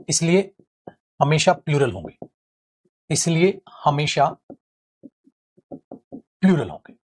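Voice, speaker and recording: A man with a voice on the high side teaches English grammar in a lively classroom lecture. He jokes around and calls his students friends and brothers.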